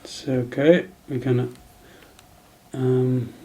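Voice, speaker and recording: Brief: slow-talking male tutor, mellow tone, halting narration over screen recording. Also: mid-range voice, level tone. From Netherlands. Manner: thinking aloud, halting, many fillers. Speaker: video editing tutor.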